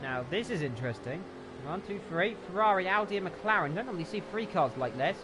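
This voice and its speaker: A man doing live motorsport commentary in an excitable, exclaiming play-by-play manner. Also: sits high, quick pace. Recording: noisy, car engine sound behind.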